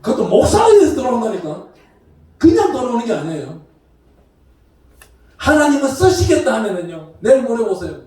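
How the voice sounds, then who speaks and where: Brief: male pastor, very high voice, lively sermon, distant mic in a roomy church. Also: fairly quick, long pauses. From Gyeongsang region, South Korea. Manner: lively preaching with shouted call-and-response. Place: church sanctuary. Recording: roomy echo from far off the mic.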